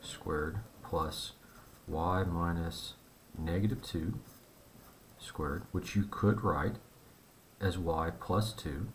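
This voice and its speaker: A man with a very low voice works through a math problem on a board, talking to students in a relaxed, chatty way. His explanation moves step by step. Faint background noise sits under his voice. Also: drawn-out words. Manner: relaxed, conversational explaining with fillers. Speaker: math teacher. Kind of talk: whiteboard math lesson.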